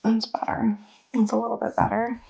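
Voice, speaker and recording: A woman's voice: fairly high pitch, completely flat delivery, normal speed, vocal fry, warm tone, breathy edge, lo-fi sound. A woman who is an artist and small business owner, talking casually through her studio work in a chatty, self-deprecating way with frequent laughs. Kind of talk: casual studio vlog narration. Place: home art studio.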